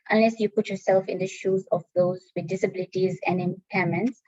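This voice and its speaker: A woman reads a prepared presentation in a careful, formal manner. Her tone is soft-edged and mellow. The audio is a little dull and lo-fi. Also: medium pitch, dry recording. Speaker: panelist, sustainability officer. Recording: slightly dull, lo-fi call audio.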